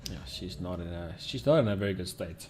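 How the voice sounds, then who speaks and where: Low voiced guy chatting casually over his gameplay, game ambience noise clearly behind him. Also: expressive, brisk, a little mellow. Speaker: gamer playing and commenting. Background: video game ambience.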